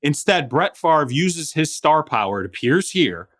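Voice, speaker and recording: A man hosting opinionated sports talk, speaking emphatically and rhetorically, with deliberate stress on key words. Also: a little high, sing-song, fairly bright tone. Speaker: talk show host.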